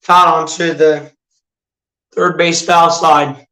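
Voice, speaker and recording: A young livestreamer calls the game one pitch at a time as an amateur play-by-play commentator, stopping between calls to chat with his viewers. He takes it slowly, with little pitch movement, in a bright, fairly high voice that is a bit rough. The sound echoes around the room.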